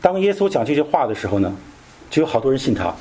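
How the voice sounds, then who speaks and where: Fast-talking man teaching scripture. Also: mid-range voice, sing-song, mellow, husky. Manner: conversational, keeps asking listeners questions. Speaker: Bible study teacher.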